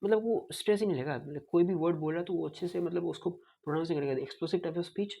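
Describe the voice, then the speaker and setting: A man's voice: a little high, quick pace, warm tone. A young man teaching medicine in a casual lecture, switching between Hindi and English and sounding out speech patterns himself. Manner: informal, mixes Hindi and English, demonstrates speech patterns aloud; frequent throat clearing. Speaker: medical tutor.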